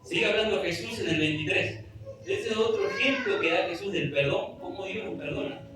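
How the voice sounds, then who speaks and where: Preacher in echoing hall. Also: male voice, high voice, moderate pace. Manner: earnest, pleading, reads scripture aloud. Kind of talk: sermon with scripture reading. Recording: echoey room, distant mic, music behind.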